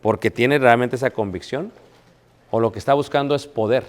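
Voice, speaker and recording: Guy preaching, storytelling, asks the church questions, middle pitch. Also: moderate pace. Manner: storytelling with quoted dialogue and rhetorical questions. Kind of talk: sermon.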